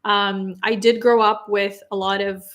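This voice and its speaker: On a live stream, a thirtysomething Moldovan woman who speaks Romanian coaches English pronunciation, slowly and patiently repeating words. Her mid-range voice has its highs cut off, and she chats in a relaxed way with plenty of fillers.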